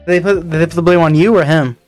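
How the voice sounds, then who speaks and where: A man's voice: a little high, steady tone, fast talker, a little mellow, faint music behind. A young man hosting a casual podcast with friends, rambling through stories with lots of swearing and restarts. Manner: rambling, profane, restarts often. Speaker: podcast host. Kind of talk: casual chat among friends.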